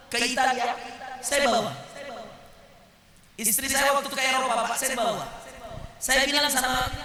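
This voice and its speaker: A male preacher from South Sulawesi giving an animated sermon, asking the audience rhetorical questions. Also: high-pitched, a little hiss or hum. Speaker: Islamic preacher. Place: lecture hall of a prayer gathering. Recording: echoey reverberant hall.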